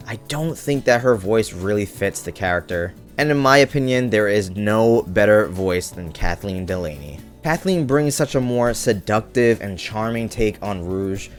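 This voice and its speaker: A man's voice: fairly low pitch, moderate pace, few pauses, faint music behind. A young man hosting a video essay, reading scripted commentary.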